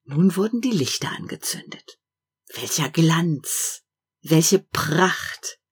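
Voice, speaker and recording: Slow, husky woman reading a fairy tale. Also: deep voice. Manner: slow, expressive storytelling with wide swings between hush and loud. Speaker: narrator.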